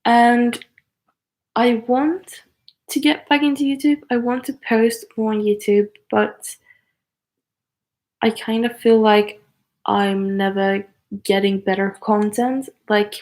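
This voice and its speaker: A twenty-year-old YouTuber chats casually on a livestream from her apartment. Her voice is on the high side, level, and a little mellow, and she speaks slowly with frequent pauses, sounding hesitant and full of fillers and apologies.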